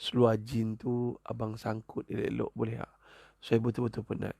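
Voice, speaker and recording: A man putting on a soft, weary wife with a gravelly voice. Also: fairly low pitch, monotone, no room sound, studio quality, pitched below the performer's own voice, exaggerated voice. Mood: weary pleading. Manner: hushed, halting and timid. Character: tired, pleading young wife, soft and hesitant.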